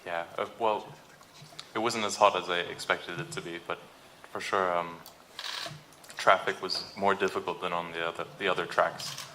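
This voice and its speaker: A low-voiced man speaks in a flat, even tone, a racing driver answering at a press conference. He recounts things modestly and measuredly, restarting phrases as he goes. Clear background noise from the press room sits behind him. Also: normal speed, roomy sound, far from the mic.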